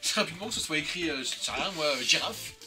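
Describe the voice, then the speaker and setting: A man's voice: fairly high pitch, lively intonation, fast, pushed and bright, faint music behind. A man in his thirties chatting casually and joking about flea market finds, laughing often. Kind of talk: casual chat.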